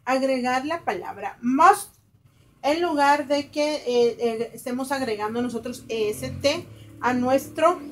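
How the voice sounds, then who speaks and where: High-voiced woman teaching grammar. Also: a bit bright, a little hiss or hum. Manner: explains slowly, reads English examples then translates; frequent fillers and self-corrections. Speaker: English teacher. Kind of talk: recorded grammar lesson.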